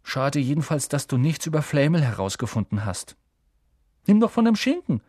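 Eager, boastful schoolboy wizard, a man doing him, husky and raised in pitch, storybook reading. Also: normal speed, dry recording, clean studio sound. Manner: excited, whiny.

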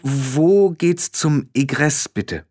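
A man's voice: fairly high pitch, very slow, a little mellow, no echo, studio quality, pitched above the performer's own voice. An earnest, brave young girl witch, put on by a male reader in an audiobook. The voice is lifted well above his own, sensible and a touch hesitant. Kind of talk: audiobook character voice.

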